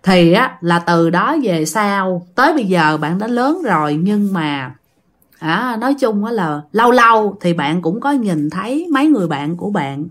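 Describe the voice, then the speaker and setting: A woman's voice: mid-range voice, lively intonation, moderate pace. A woman telling a ghost story in a casual, chatty way, speaking straight to her listeners. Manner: chatty, addresses listeners directly.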